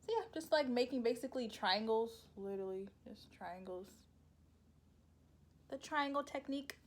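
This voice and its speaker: A woman's voice: on the high side, moderate pace. A young woman, chatting casually through a makeup tutorial, rambling and laughing at her own slips. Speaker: beauty vlogger.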